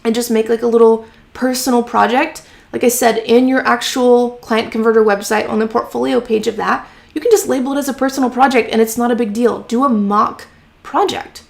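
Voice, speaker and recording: A woman hosting a casual live-stream Q&A, chatty and encouraging with lots of fillers, her voice going a bit hoarse from talking. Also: a little high, fairly even intonation, brisk. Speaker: host of a freelance writing live stream. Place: home office.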